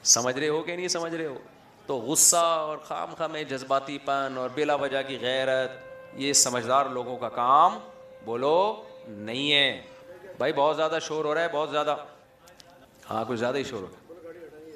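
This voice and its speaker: A man's voice: medium pitch, bright, forceful tone. A middle-aged man, an Islamic scholar giving a humorous sermon with chatty storytelling and asides to a live audience. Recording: echoey hall, faint music.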